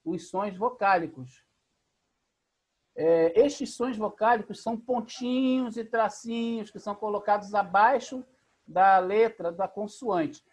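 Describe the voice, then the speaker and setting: A Brazilian teacher with a husky, slightly breathy voice leads a live online lesson over a computer mic. The delivery is patient and methodical. Each point is spelled out, with frequent quick checks that the class is following. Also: medium pitch. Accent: Brazilian Portuguese. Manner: patient, explains step by step, often checks in with "tá?". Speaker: Bible language teacher. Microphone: video call computer mic.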